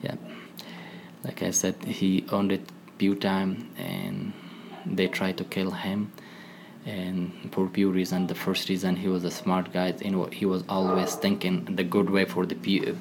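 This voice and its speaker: A man with an Afghan accent, a former commando speaking as a podcast guest in halting English full of pauses and restarts. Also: sits low, completely flat delivery, background noise. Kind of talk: conversational interview.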